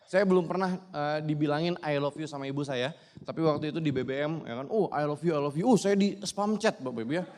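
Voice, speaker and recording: Fast-talking and fairly high-pitched with a darkish tone, a man in his twenties delivers a motivational testimonial at a business seminar. Over and over he addresses the audience with emphasis, his words echoing in a long hall reverb.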